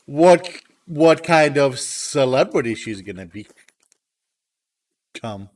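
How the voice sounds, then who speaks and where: A man's voice: on the high side, lively intonation, unhurried, darkish tone, distant mic. A man co-hosting a casual podcast, teasing and stammering with many restarts. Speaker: podcast co-host. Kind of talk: casual chat. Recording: voice from off the mic.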